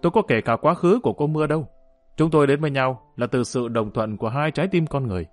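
A man voicing a calm, steady middle-aged husband in an audiobook. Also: mid-range voice, fast talker, faint music behind, natural voice. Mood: earnest.

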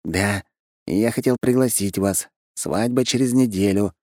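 A man's voice: fairly low pitch, unhurried, darkish tone, no echo, clean studio sound, close to an everyday voice. A man voicing a smug, cagey young man. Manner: boastful, secretive.

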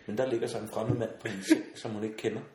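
A man telling funny anecdotes in a casual podcast chat, acting out the voices in his stories and laughing often. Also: medium pitch. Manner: animated storyteller, acts out voices, laughs often. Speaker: podcast guest. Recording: roomy sound with faint noise.

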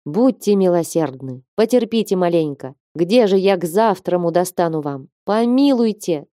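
A woman's voice: fairly low pitch, expressive, moderate pace, warm tone, no echo, close to an everyday voice. Anxious male trader begging for time, trembling, dry close read, voiced by a woman. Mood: desperate. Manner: pleading, trembling.

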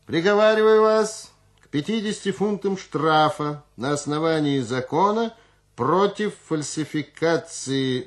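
A man's voice: on the high side, pitched above the performer's own voice. Man doing a stern, lecturing old judge. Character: stern pedantic older male judge.

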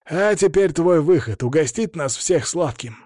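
Brief: man playing brash young buddy, loud and upbeat, slightly raised voice, dry studio sound. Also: on the high side, expressive, unhurried, dry recording, voice pushed up. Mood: chummy. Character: brash young male friend, refereeing, jokey. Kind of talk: audiobook character voice.

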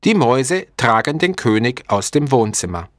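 A man narrating a storybook slowly and clearly, in a deliberate, expressive way for language learners. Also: mid-range voice, no room sound, studio quality.

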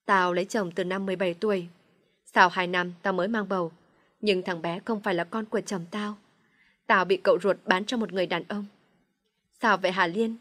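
A woman's voice: mid-range voice, steady tone, brisk, a bit bright, dry recording, lightly acted. A woman reading a storybook, voicing a young mother who pleads through her tears. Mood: grieving.

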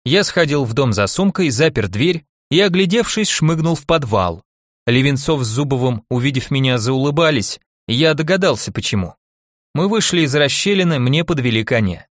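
A man narrating an audiobook in the first person with an even storytelling delivery. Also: mid-range voice, normal speed, no echo, clean studio sound.

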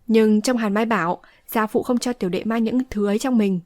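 A woman's voice: on the high side, fairly quick, darkish tone, no room sound, studio quality, close to an everyday voice. Woman reading resolute young heroine. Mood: explaining. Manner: firm, decisive speech.

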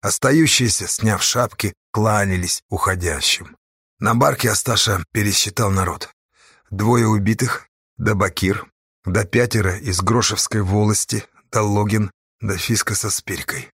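Male audiobook narrator, husky, dry close sound, measured reading. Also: on the low side, fairly bright tone, no echo. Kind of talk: scripted narration.

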